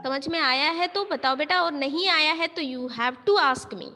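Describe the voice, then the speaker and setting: A woman's voice: sits high, a little slow, sharp tone, faint music behind. A woman teacher taking an online grammar class, mixing Hindi and English and often checking whether the students have understood. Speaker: school teacher.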